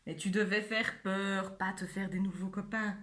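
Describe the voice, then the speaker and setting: A woman's voice: medium pitch, level tone, moderate pace, fairly bright tone, lightly acted. Worried hamster dad, woman doing him, earnest. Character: gruff bandit father hamster, proud and worried.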